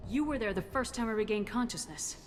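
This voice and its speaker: An actress playing a composed, fair-minded military commander in a video game, direct and controlled. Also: female voice, fairly high pitch, animated, fairly quick, shouting, faint music behind, close to an everyday voice. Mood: firm, composed.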